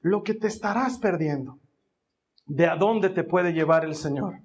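A man's voice: high-pitched, a little slow. A man preaching a sermon, telling a family story and acting out every voice in it. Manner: animated storytelling, acts out voices.

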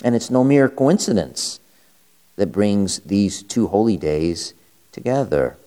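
Male priest, deep pitch, mellow timbre, solemn homily and scripture reading, measured pauses. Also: lively intonation.

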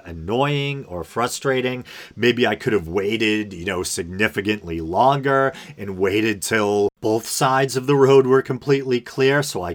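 Rambling man telling a rueful story. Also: on the low side. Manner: rambling, self-deprecating storytelling with many fillers; rueful, reflective about his own temper. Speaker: podcast host. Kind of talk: unscripted solo rant.

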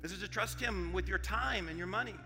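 A male pastor preaching a sermon to a congregation, swinging from forceful to hushed. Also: sits high, fairly quick, in a large hall, faint music behind. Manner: preaching, rising to forceful then dropping to hushed.

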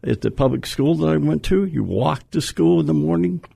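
A man's voice: fairly high pitch, lively intonation, moderate pace, creaky, mellow, husky, dry recording, studio quality. An older man from Pennsylvania, a radio interview guest who rambles, restarts his sentences and chuckles often. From Pennsylvania, USA.

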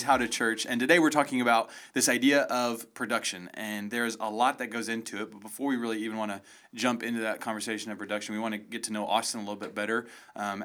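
A man's voice: medium pitch, fairly bright tone. A man co-hosting a podcast in a casual, informal, joking way. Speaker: podcast co-host.

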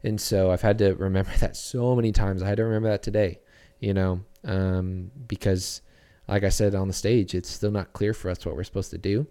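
A man's voice: low-pitched, flat delivery, a little fast, hardly any pauses, mellow, smooth. A young adult man, a children's church pastor, talking earnestly and reflectively in a podcast interview, with frequent fillers and restarts.

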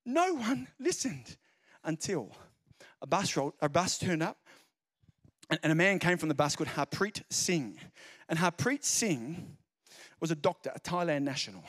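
A young man giving a lively, jokey evangelistic talk, telling stories and repeating key phrases. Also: fairly high pitch, moderate pace, long pauses. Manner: animated storyteller, jokey asides, repeats phrases. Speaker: speaker explaining Christianity.

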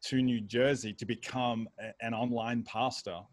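A man's voice: medium pitch, fairly even intonation, normal speed, no room sound. Man, Australian accent, mid-range voice, dry recording, casual storytelling, rambling with repeated words. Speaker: guest, online pastor.

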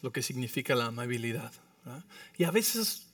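A man's voice: medium pitch, very animated, brisk, fairly bright tone, dry recording, recorded from a distance. A man preaching as a pastor in a church, telling stories with humor and checking in with the congregation through frequent tag questions. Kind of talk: sermon. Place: church sanctuary.

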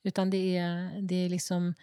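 A woman's voice: lowish voice, completely flat delivery, warm tone, clear, resonant tone, dry recording. Guest, woman, potter, rambling and full of fillers, dry close sound. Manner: hesitant, rambling with many fillers and restarts. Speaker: ceramicist guest. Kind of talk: casual interview chat. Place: her own pottery workshop.

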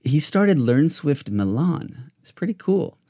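A man's voice: fairly high pitch, very animated, slow pace, warm tone, husky. A man hosting a podcast, talking in a loose, rambling way full of fillers and restarts. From United States. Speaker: podcast host. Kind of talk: casual podcast chat.

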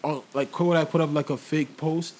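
A man's voice: a little high, fairly even intonation, moderate pace, darkish tone. A man chatting casually as a podcast host, rambling through a story with slang and restarts, acting out what others said. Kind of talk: casual chat about hip-hop gossip.

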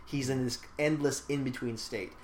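Steady in tone and moderate in pace, this medium-pitched man talks through a film on his podcast. He's thoughtful and long-winded in a casual way, using plenty of fillers, recorded in an echoey room with faint noise.

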